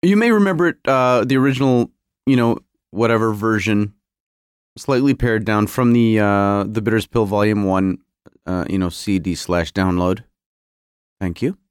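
A man's voice: lowish voice, normal speed, clear, resonant tone, no room sound, clean studio sound. A man hosting a casual solo podcast from his home garage, rambling wryly and often interrupting himself. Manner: self-interrupting, wry. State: feeling cold. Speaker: podcast host.

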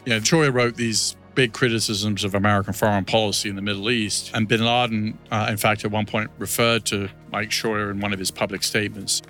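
A man's voice: on the low side, steady tone, a little fast, hardly any pauses, sharp tone, faint music behind. A man speaking as an expert commentator in an unscripted interview, conversational and explanatory.

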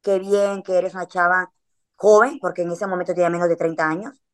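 A woman's voice: lowish voice, little pitch movement, fairly quick. Slangy woman telling a story. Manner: chatty, slangy, drops frequent filler words. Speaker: podcast guest. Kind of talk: casual storytelling chat.

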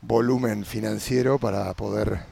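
A man with an Argentine accent, hosting a podcast as a casual monologue while riding a bicycle outdoors, thinking aloud with pauses mid-phrase. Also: on the low side, fairly even intonation, vocal fry, a little mellow, slightly rough. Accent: Argentine Spanish. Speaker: podcast host.

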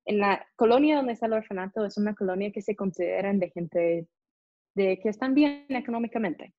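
A young woman with an American accent and native English, telling a lively story as an interview guest and acting out the people in it. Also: medium pitch, fairly quick. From United States. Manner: animated, acts out voices in her story. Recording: dull, muffled sound.

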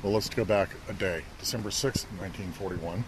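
A man telling stories in a relaxed, animated way while walking outdoors, pausing to read inscriptions aloud. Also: low-pitched. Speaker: interviewee, news colleague. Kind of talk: conversational storytelling on a walk. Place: outdoors at a cemetery. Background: faint traffic and planes overhead.

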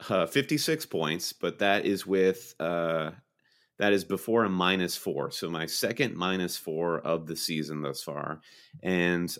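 Male podcast co-host, very deep voice, rambling and animated, casual fantasy football chat.

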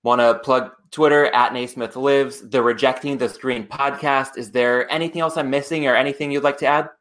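A man's voice: medium pitch, fairly even intonation, normal speed, a bit bright. A man hosting a podcast interview, thanking his guest and reading a friendly outro. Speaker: podcast host.

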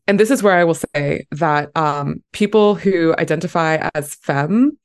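A woman podcast host chatting casually in an informal, emphatic, joking way. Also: on the low side. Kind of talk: casual chat.

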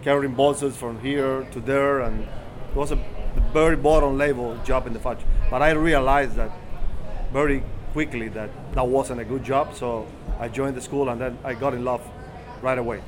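A man's voice: medium pitch, fairly even intonation. Cuban man in a noisy bar. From Cuba. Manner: halting, rephrasing often. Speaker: guest, cigar maker. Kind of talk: casual interview. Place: cigar bar. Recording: busy bar crowd behind. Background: crowd chatter.

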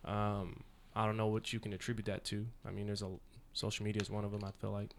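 A man's voice: on the low side, completely flat delivery, quick pace, gravelly, a little hiss or hum. A man hosting a podcast, talking casually with slang and mimicking how other people talk. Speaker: podcast host. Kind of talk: casual chat.

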